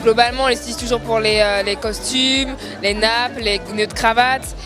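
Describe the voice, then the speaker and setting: A woman's voice: on the high side, fairly even intonation, normal speed, over music. Proud woman from French Guiana. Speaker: show participant. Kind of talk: interview at a fashion show.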